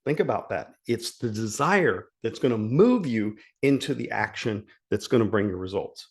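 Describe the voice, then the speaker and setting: A man's voice: fairly low pitch, lively intonation, normal speed. A man giving a motivational coaching talk, earnest and emphatic, repeating key phrases for effect. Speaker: life coach.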